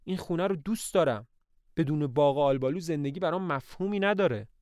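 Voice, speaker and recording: A man's voice: a little high, darkish tone, dry recording, clean studio sound, natural voice. A man reading the lines of an anxious aging woman who owns an estate, in a plaintive, pleading way.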